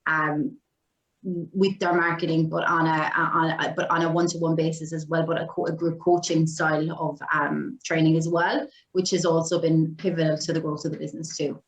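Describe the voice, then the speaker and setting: Irish woman guest, low-set voice, chatty and laughing, echoey room recording. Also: little pitch movement, normal speed. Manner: chatty, laughs often, many restarts. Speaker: guest, agency owner. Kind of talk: casual interview chat.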